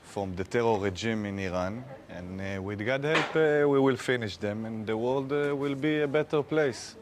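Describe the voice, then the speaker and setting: A man, a restaurant owner from Israel, answering in halting with frequent uh fillers. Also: mid-range voice, noisy background.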